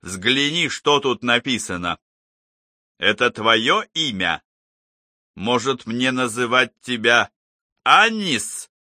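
A man voicing a calm, persistent male psychologist who gently coaxes a troubled patient in an audiobook. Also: mid-range voice, takes it slowly, long pauses, no room sound, clean studio sound, full character voice. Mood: pressing.

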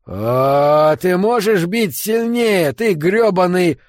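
A hard, commanding man, played by a male audiobook reader, who shouts and swears at the top of his voice. His pitch rides high with strain and every line is barked. The recording is dry and close, without any room sound. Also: lively intonation, slow pace, dry recording. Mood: shouting orders. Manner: shouting, swearing, counting out orders. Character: gruff commanding man, foul-mouthed and forceful. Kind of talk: audiobook character voice.

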